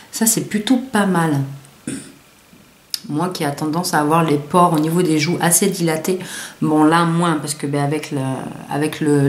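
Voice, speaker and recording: Low-voiced French woman chatting in an echoey room. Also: darkish tone. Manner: chatty, hesitant, many fillers and restarts, reads product blurbs aloud. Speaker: beauty vlogger. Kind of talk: casual unboxing review. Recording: echoey room with faint noise.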